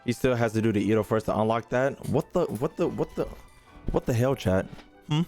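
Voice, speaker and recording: A man's voice: medium pitch, lively intonation, brisk, a little mellow. Male game streamer, middle register, casual exclamatory banter with repeated phrases, light music underneath. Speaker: live streamer. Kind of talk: casual gaming stream chat.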